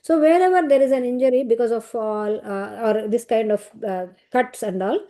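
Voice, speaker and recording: A woman's voice: on the high side, moderate pace, dark tone. A woman telling and explaining scripture stories, with a digressive, filler-heavy style. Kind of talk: storytelling lesson.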